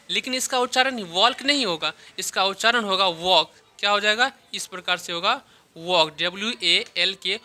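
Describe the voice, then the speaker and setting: Man, English teacher, high voice, very bright tone, slow repeated example sentences. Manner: explains word meanings step by step. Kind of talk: spoken English lesson.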